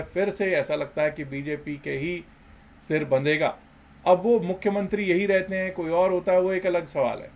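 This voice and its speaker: Animated man, rising rhetorical questions. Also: a little high. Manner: animated, rhetorical questions, swings between loud and soft. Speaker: market analysis host. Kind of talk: emphatic commentary.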